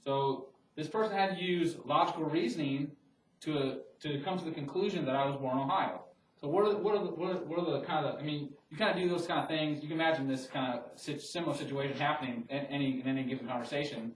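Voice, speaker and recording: This math lecturer has a voice on the high side and talks fast, teaching in a loose, conversational way with frequent restarts and fillers. The classroom lecture is picked up by a distant mic, giving roomy audio with slight background noise.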